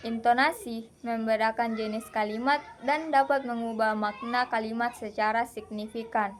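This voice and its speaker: Young woman from Indonesia, student presenter, slightly high voice, measured read-aloud lesson delivery. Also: steady tone, slight background noise. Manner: measured, deliberate reading with pauses.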